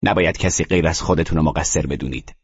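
A man reading an audiobook, voicing a rude, dismissive building concierge with a gravelly tone. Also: rumbling low. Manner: curt, dismissive. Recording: muffled audio with long reverb.

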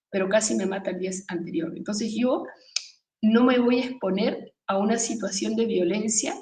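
A woman's voice: a little high, darkish tone. A woman giving a spiritual talk to an audience, emphatic and preaching, with many rhetorical questions, recorded from some distance in an echoey room. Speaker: spiritual speaker. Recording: echoey room, voice from far off the mic.

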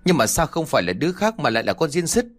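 A man's voice: a little high, big pitch swings, quick pace, soft background music, pitched above the performer's own voice. A man voicing a cowardly young village man who pleads and argues with his parents. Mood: defiant. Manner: whiny, pleading.

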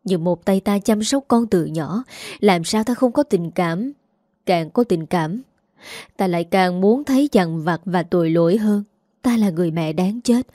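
Stern older matriarch, voiced by a woman, commanding; low warm tone, audiobook drama. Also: lively intonation, measured pace, dry recording, clean studio sound. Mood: weak, remorseful. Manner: severe, commanding.

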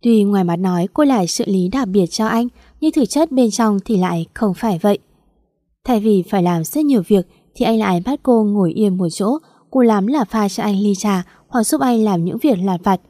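Woman reading a story in a mellow voice. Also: mid-range voice, normal speed, dry recording, clean studio sound. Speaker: narrator. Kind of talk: scripted audiobook narration.

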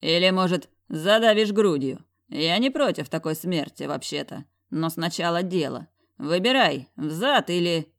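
A woman's voice: fairly low pitch, lively intonation, measured pace, hardly any pauses. A woman voicing a huge, brash billionaire boss who teases and orders people around in an audiobook. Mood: mocking. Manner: teasing, bossy, coarse.

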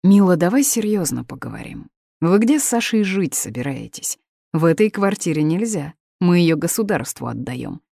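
A woman reading as a calm, firm father. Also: on the low side, creaky, no room sound, clean studio sound, full character voice. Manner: measured, firm.

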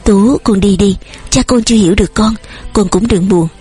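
Woman voicing a gentle middle-aged farm wife, soft, pleading, breathy, faint music. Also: mid-range voice, normal speed.

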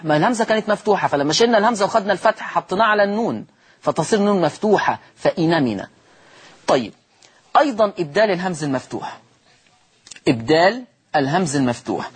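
A man's voice: high voice, breathy edge. A man with an Egyptian accent teaches Quran recitation rules on TV, repeating and stretching each example word and answering his own questions. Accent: Egyptian Arabic. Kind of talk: televised Quran recitation lesson.

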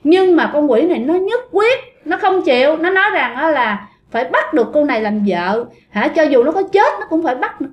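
Lady telling a ghost story, chatty, lots of fillers, kinda high voice. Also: very animated, a little fast, few pauses, lo-fi sound. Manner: chatty, addresses listeners, many fillers. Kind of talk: casual ghost-story narration.

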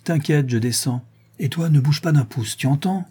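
A gruff country farmer in a storybook, roused at night and barking blunt orders. The male narrator plays him in his own husky, dark voice. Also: a little high, moderate pace, voice pushed up. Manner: blunt, commanding.

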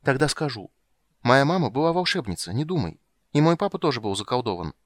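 Brief: chatty, insistent little princess girl, put on by a male reader; high, dry studio sound. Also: dry recording, close to an everyday voice. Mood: excited, insistent. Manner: pleading, fast excited chatter.

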